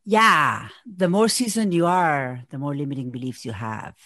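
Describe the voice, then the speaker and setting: A native Spanish speaker from Argentina in her forties, with an Argentine Spanish accent, joins a casual podcast conversation as a guest and executive coach. She thinks aloud energetically in a deep voice at a moderate pace. There's no room sound.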